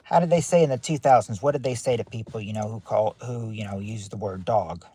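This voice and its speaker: A man's voice: fairly low pitch, fairly quick, mellow, husky. A man hosting a casual family game show on a livestream, reading out answers and greeting viewers by name from his parked car.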